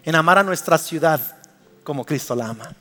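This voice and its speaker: A man preaching a sermon to a congregation, animated and storytelling, rising to loud calls. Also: a little high, brisk, long reverb tail. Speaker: pastor. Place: church hall.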